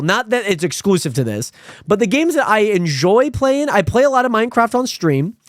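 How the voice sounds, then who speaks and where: Twenties male streamer, rambling and friendly, high bright-sounding voice, dry close mic. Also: no room sound. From Spokane, Washington. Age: 20s. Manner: rambling, friendly, animated with sudden high pitch jumps. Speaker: livestreamer. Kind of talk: casual stream chat reading viewer comments.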